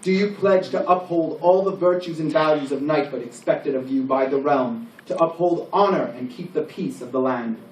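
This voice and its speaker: A solemn medieval king, acted by a man delivers a formal, declamatory knighting address with proud grandeur. The voice sits somewhat high. It is captured at a distance in a reverberant room, with faint noise behind it. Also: moderate pace, hardly any pauses, a little mellow, lightly acted. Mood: stern. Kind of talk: ceremonial scripted speech. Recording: roomy, distant microphone, faint background noise.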